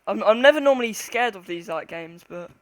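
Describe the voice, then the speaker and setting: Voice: medium pitch, animated, fairly quick, fairly bright tone, no echo. A scared horror game streamer chatting casually and swearing with a co-player, jumpy and panicky, moving between nervous muttering and shrieks. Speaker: gamer playing an online horror game.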